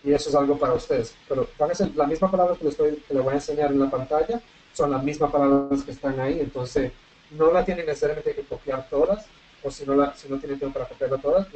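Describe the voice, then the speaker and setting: A man teaching an English vocabulary class online, switching between Spanish and English and repeating word pairs slowly for practice. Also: medium pitch, warm tone, low-quality recording.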